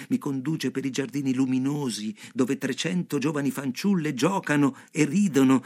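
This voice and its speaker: A man reading a novel aloud on the radio in an expressive, dramatic manner. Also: mid-range voice. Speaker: audiobook reader.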